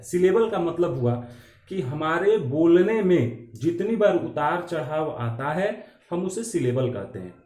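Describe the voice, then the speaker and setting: A man teaching an English grammar lesson in Hindi, explaining slowly and repeating key terms. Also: sits high, warm tone. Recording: echoey room.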